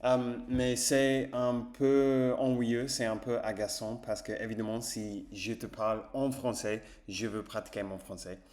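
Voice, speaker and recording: A man's voice: medium pitch, steady tone, a little slow, few pauses, a little mellow. A man with an English accent, a native English speaker practising French as a vlogger, talking casually and hesitantly with many fillers and self-corrections as he searches for words. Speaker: language-learning vlogger.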